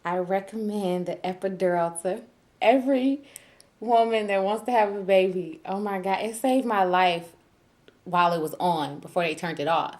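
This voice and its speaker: A young woman, telling a story casually and animatedly, laughing often and acting out her own shouting. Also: medium pitch, normal speed. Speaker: new mother vlogger.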